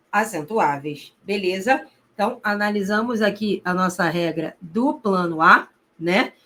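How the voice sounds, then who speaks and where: A woman Portuguese teacher giving a recorded exam-prep grammar lesson, speaking directly to the student, asking herself rhetorical questions and drawing out key terms slowly for emphasis. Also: mid-range voice, fairly bright tone.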